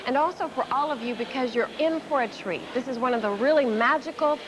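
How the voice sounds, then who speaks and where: A woman's voice: high voice, a little fast. A woman co-hosting a television broadcast, presenting a live event conversationally. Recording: clear background venue noise.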